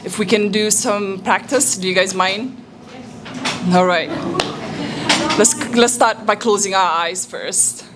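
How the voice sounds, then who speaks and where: A woman speaks gently to a group as a yoga instructor, calmly guiding them to close their eyes and notice their breath. Clear background noise runs underneath. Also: medium pitch, slow pace, pauses often. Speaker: yoga instructor and life coach. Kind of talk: guided breathing talk to youths.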